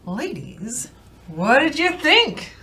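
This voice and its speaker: A woman hosts a casual reaction chat with a fairly high, very animated voice. She takes her time as she talks, with faint noise in the background. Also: slow. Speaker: host leading the discussion.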